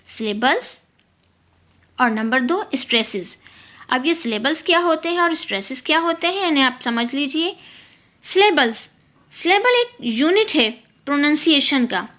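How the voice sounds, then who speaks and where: A woman teaching a lesson on English poetry, explaining in Urdu-Hindi and reading the English text slowly and carefully. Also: high voice, a bit bright. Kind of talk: lecture.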